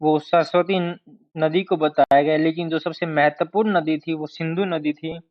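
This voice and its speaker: Male teacher, fairly high voice, exam-prep lecture, drills key terms, dull lo-fi recording. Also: steady tone. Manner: slow, deliberate, repeats key terms to drill them. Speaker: history teacher. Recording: dull lo-fi sound.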